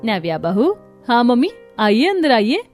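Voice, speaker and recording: A bossy older mother-in-law from a cartoon story gives curt orders, played by a woman. She is gruff and commanding, yet she dotes on her favorite daughter-in-law. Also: on the high side, very animated, normal speed, faint music behind. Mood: scheming.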